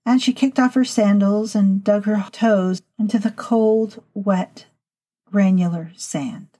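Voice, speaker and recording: A woman voicing a centuries-old female vampire historian who talks in a slow, formal, lecturing way to her initiates. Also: mid-range voice, warm tone, breathy edge. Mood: storytelling. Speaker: narrator of a vampire storytelling podcast. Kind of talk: scripted audio fiction monologue.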